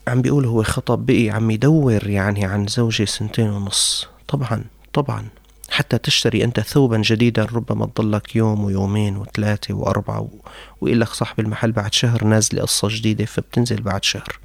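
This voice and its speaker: Guy running a radio call-in, low gravelly voice, talks quick and calm. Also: no echo. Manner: calm advising, mixes formal and colloquial Arabic. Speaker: radio show host taking calls.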